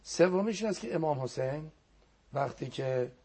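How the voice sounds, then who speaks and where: A man's voice: on the high side, lively intonation, mellow, breathy edge. A man giving a religious talk as a guest on a program, teaching earnestly and quoting Arabic prayers, his voice sometimes sinking to a near whisper.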